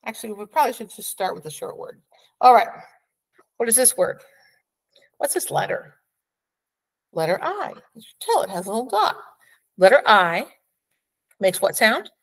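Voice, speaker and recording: A woman teaching a preschool phonics lesson, sounding out letters and words slowly and praising the child. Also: medium pitch, very animated, vocal fry. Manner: slow, encouraging, sounds out letters.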